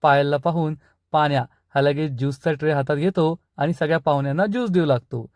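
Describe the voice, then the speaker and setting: A man retells a TV serial episode in a storytelling way. His voice sits slightly high. The recording is dry and close. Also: steady tone, fairly quick, a little mellow, no room sound.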